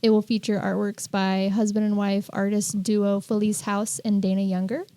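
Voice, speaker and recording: A woman's voice: mid-range voice, little pitch movement, moderate pace, mellow, no room sound. A woman co-hosting a podcast, chatting casually and playfully about art and sharing details about an exhibit. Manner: playful, joking, informative. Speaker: podcast co-host.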